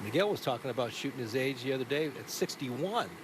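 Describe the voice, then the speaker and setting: A man's voice: medium pitch, animated, fast talker. A man giving conversational golf commentary as an analyst, reading each shot and putt. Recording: clear outdoor ambient noise behind.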